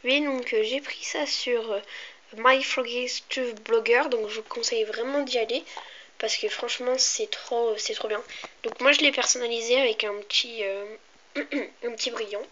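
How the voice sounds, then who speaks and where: A young amateur video maker, a bit sick and coughing and clearing her throat, shows off handmade doll furniture while rambling hesitantly and cutting herself off. Her fairly high, steady, sharp-toned voice cracks at times and goes at a moderate pace, in a dull lo-fi home recording with clear noise.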